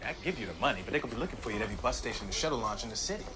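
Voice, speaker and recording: An actor playing a confident nightclub owner in a film, talking smooth and fast. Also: male voice, fairly low pitch, expressive, lightly acted. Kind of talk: film dialogue. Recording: film audio with music.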